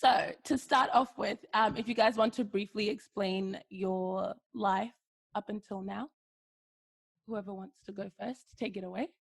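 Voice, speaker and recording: A woman's voice: mid-range voice, steady tone, unhurried, creaky, breathy edge. Young woman hosting a chatty podcast. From Zimbabwe. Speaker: podcast host. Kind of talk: casual podcast interview.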